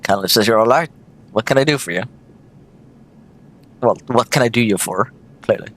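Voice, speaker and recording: A crude, jolly cyborg in his forties, hungover and boisterous, as a man reads him out. He barks threats and jokes in a rough, plain-pitched voice. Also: moderate pace, fairly bright tone, close to an everyday voice.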